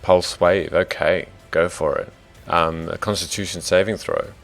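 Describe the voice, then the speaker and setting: An Australian man narrating a tabletop game as dungeon master, thinking out loud and muttering to himself while he sets things up. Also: sits low, steady tone, measured pace, creaky, faint music behind.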